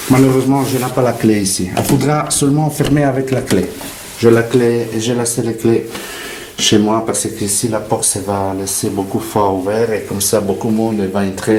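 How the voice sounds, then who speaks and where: A man from Italy with an Italian accent, speaking halting non-native French as he narrates an informal video tour of a building. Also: mid-range voice. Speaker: resident filming a walkthrough of their building. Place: around and inside an apartment building entrance and corridor. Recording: clear background noise, handheld on-location sound.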